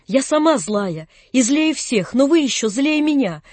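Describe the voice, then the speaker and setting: A reader voicing a sick, proud orphan girl who refuses help in sobbing, shouted outbursts, in an audiobook. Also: sits high, big pitch swings, unhurried, no echo, full character voice. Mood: defiant. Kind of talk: audiobook character voice.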